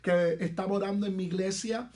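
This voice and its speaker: A man with a Dominican accent preaching a sermon as pastor, emphatic, repeating phrases and slowing down to stress words. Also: high-pitched, steady tone, darkish tone. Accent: Dominican Spanish. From Dominican Republic.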